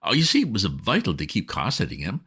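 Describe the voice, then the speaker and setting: Reading from a storybook, a man voices a breezy young woman who gushes and coaxes in an airy, wheedling way. His natural pitch is fairly low, yet he swings it hugely, talks fast and sounds fairly bright and slightly rough. The delivery is exaggerated.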